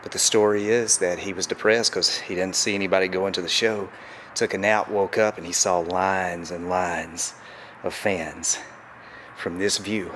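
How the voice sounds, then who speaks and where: A man, awed and hushed as he thinks aloud on a walking tour of an empty hotel suite. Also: low-pitched, steady tone, a little slow, a little hiss or hum. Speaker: travel vlogger.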